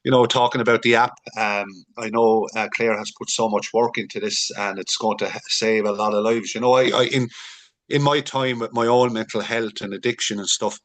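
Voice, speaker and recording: A man with a somewhat low voice co-hosting a podcast. He speaks earnestly and encouragingly, often doubling up his words. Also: steady tone, a little fast, a bit bright. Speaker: podcast co-host. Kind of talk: casual podcast chat.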